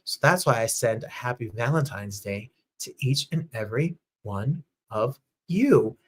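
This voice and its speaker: A man's voice: mid-range voice, expressive, unhurried, breathy edge. A man hosting a casual livestream chat show from home, upbeat and chatty, greeting viewers by name. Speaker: host.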